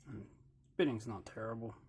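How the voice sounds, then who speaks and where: Male hobbyist host, gravelly mellow voice, relaxed how-to talk, faint tool clicks behind. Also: fairly low pitch, normal speed, a little hiss or hum. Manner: relaxed, matter-of-fact, dry humour. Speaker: lockpicking hobbyist channel host. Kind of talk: casual how-to narration. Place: hot backyard shed workbench.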